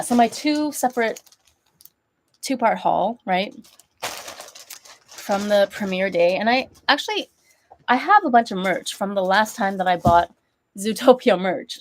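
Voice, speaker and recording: A woman's voice: medium pitch, a little hiss or hum. A woman with a nasal, congested voice from a recent cold and sore throat, chatting casually in a rambling, self-correcting way as a vlogger. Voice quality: nasal, stuffy-nosed. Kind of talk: casual chatty haul vlog.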